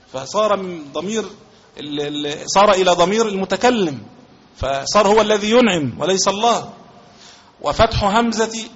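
A man with an Egyptian accent gives a classroom-style religious lesson in a fairly high voice. He reads lines from a legal text and then unpacks them, repeating phrases and offering examples. The recording sounds dull and lo-fi. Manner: reads a passage aloud, then explains it with repetition and examples. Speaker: religious teacher.

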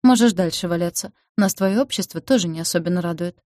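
A woman voicing a sharp-tongued young woman who speaks in a snappy, sarcastic way. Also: on the low side, fast talker, dry recording, clean studio sound, lightly acted.

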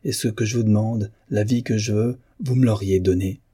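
A man's voice: lowish voice, fairly even intonation, normal speed, mellow, breathy edge, no room sound, clean studio sound. A man reading the part of an ambitious young wife who speaks with bitter reproach, in an audiobook of a novel.

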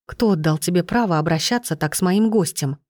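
A woman's voice: on the low side, fairly quick, a little mellow, no echo, clean studio sound, natural voice. A woman voicing a young pregnant woman in a storybook, trembling and pleading. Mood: furious.

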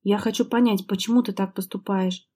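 An audiobook narrator plays a jealous young wife pressing her husband with sharp, reproachful accusations, her pitch rising as she raises her voice, though a mellow warmth remains underneath. Her natural, mid-range voice is slightly rough and a little fast, and the mood comes across as pleading.

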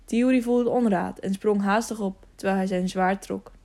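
A woman's voice: medium pitch, fairly even intonation, moderate pace, dark tone. A woman narrating an adventure novel as an audiobook, reading steadily and now and then correcting herself.

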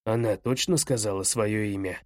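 Guy doing a mean angry dad barking orders, low gruff voice, audiobook. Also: moderate pace, a little mellow, no room sound, studio quality, lightly acted. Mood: tense. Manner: barking, curt. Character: harsh angry panicked father.

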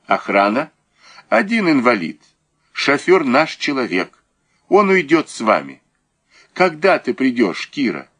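A man reading an audiobook, voicing a male police officer who imitates a criminal's pleading, drawn-out phone voice. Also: medium pitch, big pitch swings, a bit bright, breathy edge, pitched above the performer's own voice, full character voice.

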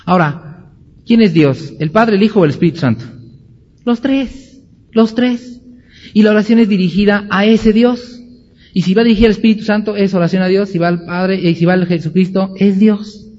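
A man's voice: high-pitched, a little fast, darkish tone. Male Bible teacher, emphatic lecture, rhetorical questions, dull hall recording.

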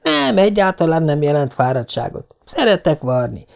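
A man's voice: fairly high pitch, very animated, creaky, voice pushed up. A man voicing a talkative, obliging neighbour woman, eager to help. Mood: eager, chatty. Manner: chatty and obliging.

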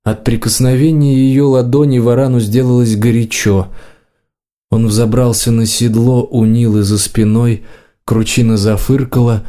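Mellow-voiced man narrating a fantasy audiobook. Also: mid-range voice. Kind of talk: scripted narration.

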